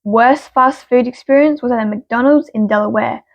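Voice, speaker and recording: A woman reading stories aloud as the channel's narrator, expressive and punchy with quick asides. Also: a little high, no room sound, highs cut off. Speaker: story reader.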